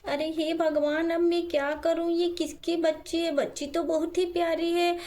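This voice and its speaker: A woman's voice: extremely high pitch, flat delivery, normal speed, darkish tone, pitched above the performer's own voice. A woman as a kind, worried housewife. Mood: soothing. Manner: coaxing, talks to herself aloud. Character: kind poor young housewife, caring and worried.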